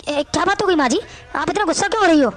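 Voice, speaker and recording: A woman's voice: very high voice, rapid-fire, soft background music. A woman voicing an outspoken young daughter-in-law who answers back in a cartoon story. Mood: defensive. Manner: pleading, then pert back-talk.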